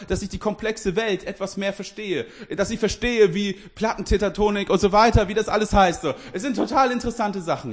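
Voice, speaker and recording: High-voiced German-speaking preacher, informal. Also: male voice. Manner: informal, addresses listeners directly, laughs often; restarts and self-corrections. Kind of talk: casual sermon.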